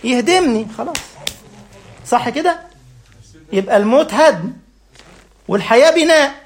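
A man preaches in an Egyptian Arabic accent, his voice sitting high for a man. He keeps throwing questions at the listeners and answering them himself. He walks through each point with homely, everyday examples. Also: lively intonation, moderate pace. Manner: explains step by step with everyday examples. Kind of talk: religious lecture.

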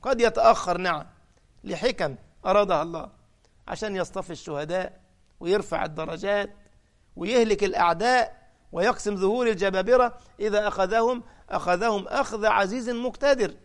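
High-voiced Egyptian preacher. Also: male voice, fairly quick. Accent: Egyptian Arabic. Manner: dramatic storytelling, raising the voice for quoted cries. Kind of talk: sermon.

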